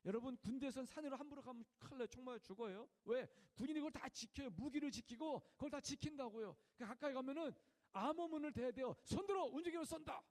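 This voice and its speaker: A man's voice: extremely high pitch, fast talker, darkish tone, big-room sound. A middle-aged male pastor preaching a sermon, asking the congregation questions and acting out prayers with a raised voice. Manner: asks the congregation questions and has them repeat after him.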